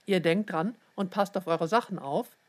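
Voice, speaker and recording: A woman voicing a brisk, flustered mother who talks hurriedly, in a storybook reading. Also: fairly low pitch, close to an everyday voice.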